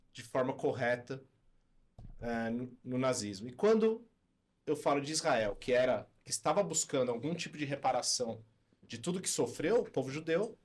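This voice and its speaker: A man co-hosting a podcast discussion, posing questions to the other hosts in an animated way. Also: medium pitch, husky. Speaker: co-host, teacher.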